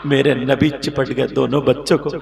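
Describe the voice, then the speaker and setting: A man preaching an emotional sermon, telling a story tearfully with sudden shouted bursts. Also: medium pitch, level tone, moderate pace, creaky, long reverb tail. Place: religious gathering. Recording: live crowd audible behind.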